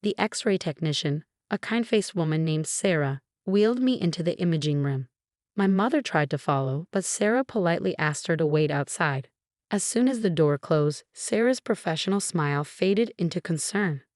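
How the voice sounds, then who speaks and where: A woman reading a first-person story as a scripted narration, steady and even. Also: fairly low pitch, normal speed, no room sound, studio quality.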